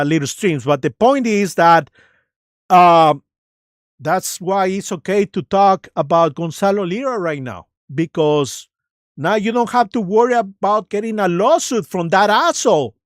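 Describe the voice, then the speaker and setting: A livestream host giving casual, improvised commentary in a halting, searching way, with a mocking, sarcastic and combative manner. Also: medium pitch, dry recording, clean studio sound.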